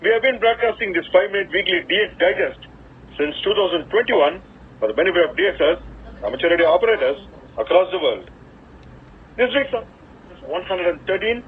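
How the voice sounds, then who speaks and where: A man's voice: high voice, expressive, brisk, slight background noise. A man from India with a South Indian accent, hosting a scripted radio news digest over a shortwave radio transmission. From Chennai, India. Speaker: radio program host. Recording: tinny, phone-like shortwave digital radio reception.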